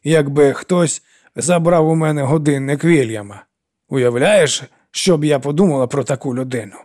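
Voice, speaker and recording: A man's voice: on the high side, normal speed, darkish tone, voice pushed up, close to an everyday voice. A man voicing an older woman who scolds and mothers a troubled girl in an audiobook. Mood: stern. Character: older woman, stern yet kindly widow.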